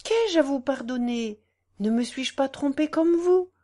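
A woman's voice: high-pitched, lively intonation, measured pace, warm tone, voice pushed up. A woman reading aloud and voicing a distraught young Parisian wife in anguished, raised outbursts. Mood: fervent.

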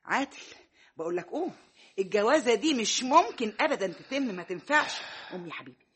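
Indignant, sarcastic middle-aged Egyptian mother, husky, lowish, quick. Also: very animated, pushed and bright, full character voice. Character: proud, easily offended middle-aged mother.

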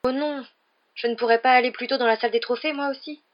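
A woman voicing an exasperated young wizard boy in a storybook reading, high and agitated, with a dull lo-fi sound. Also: expressive, quick pace. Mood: pleading.

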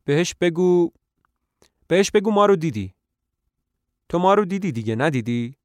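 A man's voice: fairly high pitch, animated, a little mellow, no room sound, pitched above the performer's own voice, lightly acted. A man voicing a weary aging male tramp, impatient yet hopeful, with a reassuring, slightly pleading manner in a podcast play reading.

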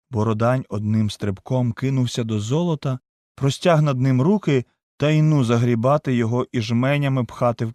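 A man's voice: medium pitch, dry recording, studio quality. A man narrating an audiobook in a dramatic reading voice. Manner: dramatic reading, acts out the shouts. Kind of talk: scripted narration.

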